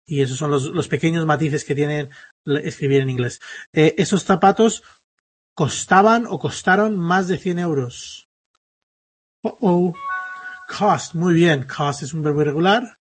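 Casting: husky male teacher, slightly high voice, patient and halting, lots of fillers. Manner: patient, explaining step by step with many fillers. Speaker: English teacher. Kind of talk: classroom grammar explanation.

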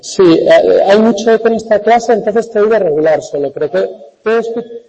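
A man lecturing a class, explaining step by step and checking understanding with quick questions, his voice ringing with heavy classroom echo. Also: high voice, warm tone, slightly rough. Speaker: university lecturer. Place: large echoey lecture hall. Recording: muffled echoey hall recording.

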